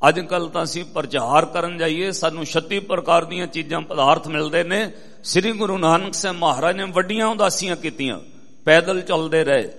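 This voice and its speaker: A male Sikh preacher giving a sermon to the congregation, slowing down to intone scripture verses between spoken passages. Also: fairly high pitch, fairly bright tone. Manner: slows and intones scripture lines, addresses the congregation directly. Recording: long hall reverb.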